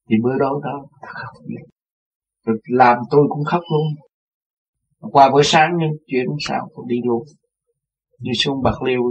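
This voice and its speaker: An older man with a husky, slightly breathy voice recounts his own story as a religious teacher. He tells it with animation, laughing and acting out the voices of others. The recording sounds dull and lo-fi. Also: mid-range voice. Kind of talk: personal storytelling in an interview.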